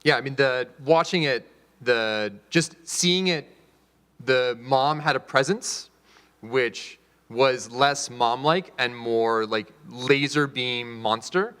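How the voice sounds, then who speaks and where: A male instructor with a mid-pitched voice, probing with questions while fumbling through fillers and restarted phrases. His voice carries a long hall reverb. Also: slow pace, a bit bright, smooth. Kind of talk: critique discussion.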